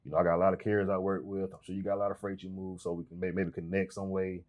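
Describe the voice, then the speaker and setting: A man, a freight broker guesting on a podcast, talking in a relaxed conversational way. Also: low voice, racing. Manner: relaxed, conversational, acts out voices when telling stories. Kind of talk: casual interview talk.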